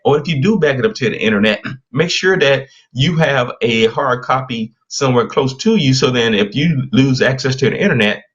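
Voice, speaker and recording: A man hosts a casual live stream, talking through computer security advice in an earnest, advisory tone. He often stops and corrects himself mid-sentence. His voice sits at an ordinary middle pitch and comes through muffled, lo-fi stream audio.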